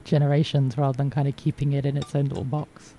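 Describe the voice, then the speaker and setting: A man's voice: mid-range voice, little pitch movement, quick pace, warm tone. A man co-hosting a podcast in casual conversation, with some noise in the recording. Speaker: podcast co-host. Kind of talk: casual chat.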